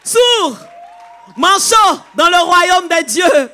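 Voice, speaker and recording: Very high, bright-voiced preaching man. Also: expressive, very slow, a faint crowd. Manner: declaiming, shouts praise. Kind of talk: preaching responses.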